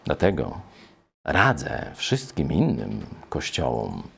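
A man preaching a sermon, expounding scripture and addressing his listeners directly, climbing high when he reads verses aloud. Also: wildly swooping pitch, slow, gravelly, fairly bright tone, slightly rough.

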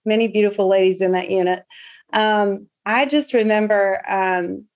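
Woman guest telling her story, earnest, lots of ums, middle pitch. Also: steady tone, normal speed. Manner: earnest, warm recounting with many fillers. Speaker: interview guest, patient's wife. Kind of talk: personal storytelling.

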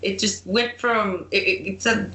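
Woman in casual podcast chat, teasing, slow delivery, echoey room. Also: medium pitch, fairly even intonation, sharp tone, slight background noise. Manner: teasing, playfully defiant.

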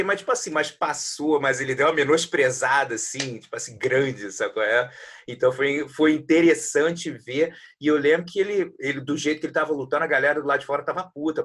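Husky-voiced man reminiscing. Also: medium pitch, a bit bright. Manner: reminiscing, conversational. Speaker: interviewer, fellow jiu-jitsu veteran. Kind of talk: casual interview chat.

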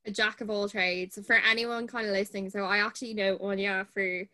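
A woman's voice: medium pitch, steady tone, fairly quick, bright, forceful tone. A woman in her twenties with an Irish accent, hosting a podcast in an informal, conversational way. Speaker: podcast host, barrister.

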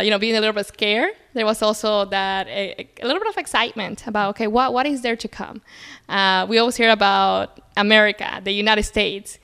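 A woman's voice: medium pitch, a bit bright, clear, resonant tone. A young adult woman from Colombia, a native Spanish speaker, talking upbeat and positive as a podcast guest, with frequent fillers. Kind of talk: casual interview conversation.

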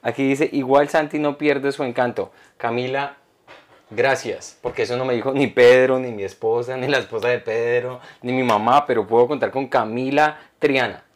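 A man's voice: medium pitch, moderate pace. A man, co-hosting a casual comedy podcast, telling stories animatedly and reading out fan comments. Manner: animated storyteller, mimics others, reads fan comments. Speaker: podcast co-host. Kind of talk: casual comedy chat, storytelling.

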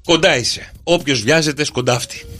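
Bright high-voiced male radio host. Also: soft background music. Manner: playful storyteller, shifting into many voices. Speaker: radio morning show host. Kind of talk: radio banter and joke telling.

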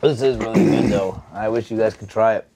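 A man's voice: fairly low pitch, fairly quick, gravelly, heavy background noise. A man co-hosting a casual cooking chat, laid-back and joking, swearing freely. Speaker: co-host.

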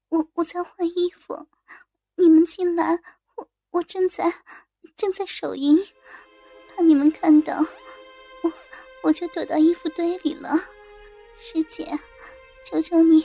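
A woman's voice: high-pitched, vocal fry, mellow. A woman voicing a young female flight attendant in an audio story, stammering tearful pleas and speaking sweetly and bashfully.

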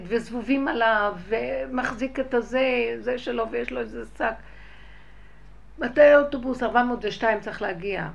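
A woman giving a religious talk to a group, telling personal stories and speaking straight to her listeners, moving from quiet, hushed stretches to loud outbursts. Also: on the high side, gravelly, muffled recording. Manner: addresses listeners directly. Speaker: spiritual teacher.

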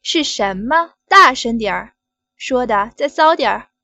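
A woman's voice: fairly high pitch, expressive, moderate pace, fairly bright tone, dry recording, muffled recording. A woman reading the part of a crude, domineering middle-aged male official in an adult audio story, barking his lines. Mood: commanding.

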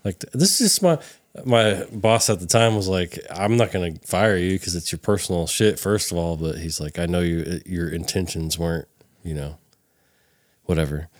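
A man's voice: low-pitched, normal speed, no echo, studio quality. A man in his thirties hosting a podcast, loose and joking, swearing often. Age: 30s. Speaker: podcast host. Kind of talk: casual podcast chat.

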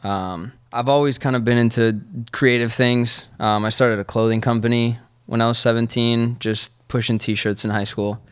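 A man's voice: mid-range voice, steady tone, normal speed, few pauses, clear, resonant tone, no room sound, studio quality. A man from Argentina, a musician guest, telling his story in a casual, easygoing interview and laughing often.

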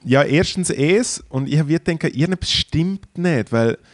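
A man's voice: fairly high pitch, moderate pace, no echo, studio quality. A man, co-hosting a casual podcast, telling an anecdote and acting out the quotes. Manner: animated storytelling, acts out quotes. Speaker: podcast co-host. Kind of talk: casual chat.

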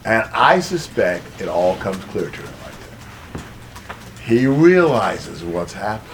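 A man preaching a conversational sermon, retelling a story in an animated, chatty way. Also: sits low, slow, a little hiss or hum.

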